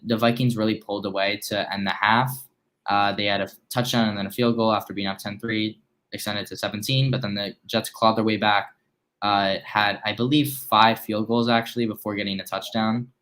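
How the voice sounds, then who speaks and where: A man's voice: fairly low pitch, level tone, a little fast, fairly bright tone. Teenage boy breaking down a football game. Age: teens. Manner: hesitant, fillers while recalling. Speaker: guest analyst. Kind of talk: casual sports analysis.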